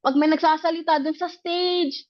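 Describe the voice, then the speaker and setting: Speaking at a moderate pace in a very high-pitched voice, a woman who grew up in the provinces tells a personal story as casual testimony, animatedly voicing the dialogue she recalls. The recording is dry, with the highs cut off.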